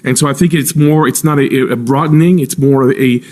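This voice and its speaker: Even-toned male official testifying, careful and halting. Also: mid-range voice. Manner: careful, halting, hedged with frequent pauses and repeats. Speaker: intelligence agency official testifying as witness. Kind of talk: formal testimony under cross-examination. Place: formal public inquiry hearing.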